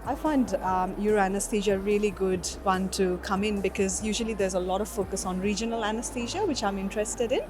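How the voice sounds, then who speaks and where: A woman's voice: mid-range voice, steady tone, brisk, few pauses, background noise. A woman conference attendee giving easygoing vox pop answers, with fillers. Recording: music bed underneath.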